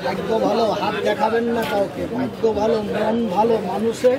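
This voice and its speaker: A man's voice: sits high, flat delivery, fairly quick. A man hawking amulets on the street with an insistent, repetitive sales patter in short phrases. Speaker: street hawker selling amulets and herbal charms. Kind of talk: street sales pitch to a crowd. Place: outdoors at a busy public spot. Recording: busy outdoor street, loud crowd and traffic.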